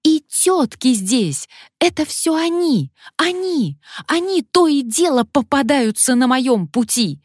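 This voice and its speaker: A woman's voice: animated, measured pace, darkish tone, husky, dry recording, studio quality. A woman reading an audiobook, voicing a frightened, fussy young woman blogger who babbles and shrieks. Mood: panicky. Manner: shrill, babbling.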